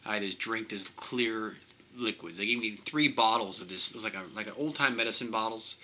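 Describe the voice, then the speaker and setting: A man speaking in a personal vlog, choked up and halting, circling back over his own words. His voice is low-pitched but very bright and strained. A faint hiss sits under the recording. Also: rough recording. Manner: halting, emotional, repeats himself. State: emotional, composing himself. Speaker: vlogger.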